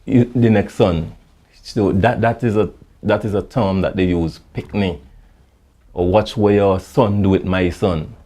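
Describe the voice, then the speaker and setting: A man from St Vincent with a Vincentian Creole accent, recalling his childhood in an oral history interview, halting and repeating words as he goes. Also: fairly low pitch, steady tone, warm tone.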